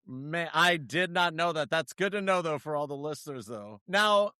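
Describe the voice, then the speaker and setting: Podcast host guy, kinda high and bright voice, rambles his questions, super dry sound. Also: lively intonation, normal speed, smooth, dry recording. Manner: meandering, loosely phrased questions. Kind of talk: casual interview questions.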